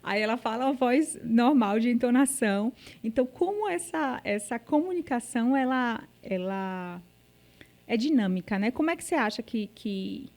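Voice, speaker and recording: A Brazilian woman hosting a casual podcast conversation. She speaks with a warm, mellow tone, searching for words as she thinks aloud and checking in with her guest often. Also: on the high side, lively intonation, normal speed. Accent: Brazilian Portuguese. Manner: hesitant, thinking aloud, many tag questions. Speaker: podcast host.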